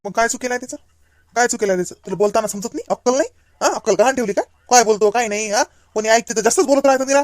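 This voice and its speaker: A man's voice: extremely high pitch, dry recording, clean studio sound. A voice actor playing an indignant young husband in a cartoon, reproaching his wife. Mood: angry. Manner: rapid, reproachful ranting. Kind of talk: cartoon voice acting.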